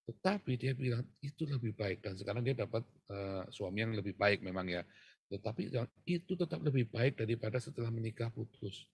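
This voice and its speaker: Husky-voiced pastor preaching. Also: male voice, mid-range voice, expressive, brisk, dry recording. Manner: conversational storytelling, swings from quiet to loud emphasis. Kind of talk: sermon.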